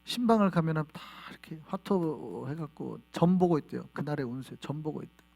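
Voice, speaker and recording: A male pastor preaching a sermon in a church, animated and quizzing the congregation with questions. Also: fairly high pitch, a little fast, creaky. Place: church sanctuary.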